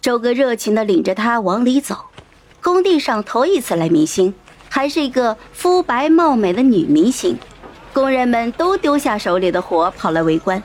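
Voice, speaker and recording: A woman's voice: a little high, sing-song, normal speed, darkish tone. A woman narrating a novel as an audiobook, telling the story expressively.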